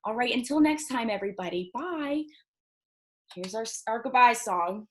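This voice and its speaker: A children's library storytime host reads aloud and counts in a singsong, encouraging way for young listeners. Her voice sits on the high side, with lively intonation and a moderate pace.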